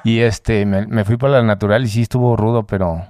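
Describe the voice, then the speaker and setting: A man in his forties, an actor, telling lively anecdotes in a casual interview. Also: fairly quick, dry recording, clean studio sound. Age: 40s. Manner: animated anecdotes, mimics others with a higher voice. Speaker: actor guest.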